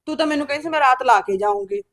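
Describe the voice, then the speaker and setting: A middle-aged woman playing a patient older sister and farm-living mother who keeps calming her sibling down. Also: high voice, racing, no echo. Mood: placating. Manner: soothing, placating, often asks back "huh?". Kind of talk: village family drama acting.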